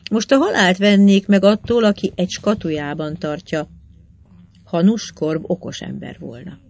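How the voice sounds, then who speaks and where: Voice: medium pitch, lightly acted. A reader voicing a sly, jovial male schemer who talks in a wheedling, boastful way in an old tavern story. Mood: scheming. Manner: wheedling, boastful, grinning talk. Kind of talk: audiobook character reading.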